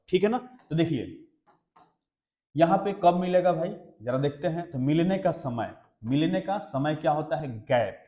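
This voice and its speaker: Guy teaching exam maths, bit high voice, keeps asking "clear?", echoey classroom sound. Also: lo-fi sound. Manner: explains step by step, keeps asking the class questions. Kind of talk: exam-prep maths lesson. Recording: echoey room.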